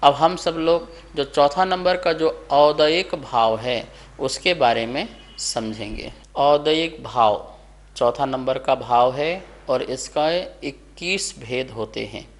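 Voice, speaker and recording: Slow, measured male scripture teacher. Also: mid-range voice. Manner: measured, syllable by syllable chanting of verses. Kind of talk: slow recitation lesson with call and response.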